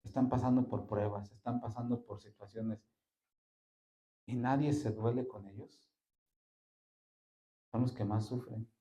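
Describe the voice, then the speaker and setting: Preaching man with dramatic loud rises. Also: medium pitch, fairly even intonation, muffled recording. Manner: preaches with sudden loud rises and slow drawn-out emphasis; asks the listener rhetorical questions. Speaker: pastor. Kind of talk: sermon.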